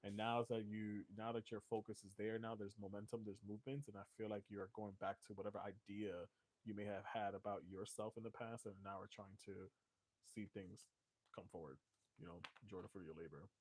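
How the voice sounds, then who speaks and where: A man's voice: fairly low pitch, level tone, fairly quick, darkish tone. Brief: male tarot reader, casual and jokey, swears freely. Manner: loose, joking, swears, laughs often.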